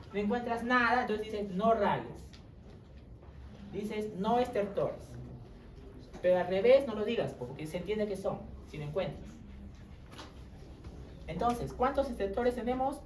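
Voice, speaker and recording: A woman giving a medical classroom lecture, quizzing her students with quick tag questions. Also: a little high, a little mellow, slight background noise. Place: lecture room. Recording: roomy classroom audio from far off.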